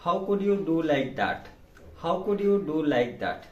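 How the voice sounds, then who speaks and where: A man with a Telugu Indian accent teaching spoken English, saying each sentence quickly in Telugu and then repeating the English translation slowly and clearly. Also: a little high, very animated, darkish tone, roomy sound, muffled recording. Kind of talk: language lesson, reading sentences.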